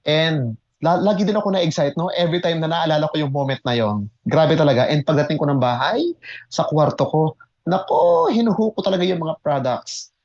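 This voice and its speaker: Excitable man telling his story, lo-fi audio. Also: a little high, a little fast. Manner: excitable, mixes Tagalog and English, repeats words for emphasis. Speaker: network marketing mentor. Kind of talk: motivational testimony to an online audience.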